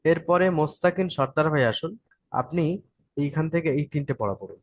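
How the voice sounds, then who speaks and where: A man with a West Bengal Bengali accent leads an online Quran reading class, talking quickly in a fairly high voice. He is patient and keeps checking that his students follow. The sound is dry and close. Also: no echo, dull audio. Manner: patient, repeats and checks understanding.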